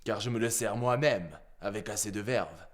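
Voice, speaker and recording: A man's voice: on the low side, normal speed, lightly acted. A man playing a proud, witty swordsman in a theatrical verse monologue, declaimed like a hammy stage actor with showy switches of tone. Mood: haughty contempt. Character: proud, witty swordsman mocking an insult to his large nose.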